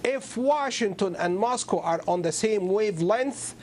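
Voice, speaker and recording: A man speaking as a guest analyst in a televised panel debate, deliberate and pausing often with fillers. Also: high voice, expressive, darkish tone.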